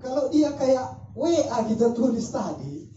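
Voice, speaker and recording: A man talking at a casual group discussion, walking through his ideas with spoken examples. His voice sounds dark and mellow. He is picked up from across an echoey room on a dull, muffled recording. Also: extremely high pitch, sing-song, unhurried, recorded from a distance, a little hiss or hum. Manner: explanatory, illustrates points with spoken examples. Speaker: discussion speaker.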